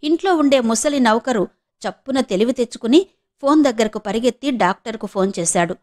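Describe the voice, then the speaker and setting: A woman from Andhra Pradesh narrating a novel as an audiobook reader, in steady, dramatic storytelling. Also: on the high side, brisk. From Andhra Pradesh, India.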